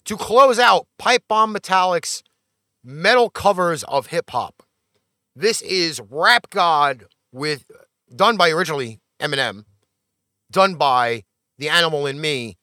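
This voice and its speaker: A man's voice: fairly high pitch, lively intonation, unhurried, pushed and bright, dry recording, studio quality. A man hosting a music show, introducing tracks in a brash, blunt and playfully defiant way as he hypes up the audience.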